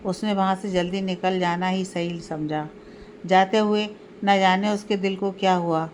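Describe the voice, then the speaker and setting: A woman storyteller reading out a family story in steady, even scripted narration. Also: mid-range voice, a little hiss or hum.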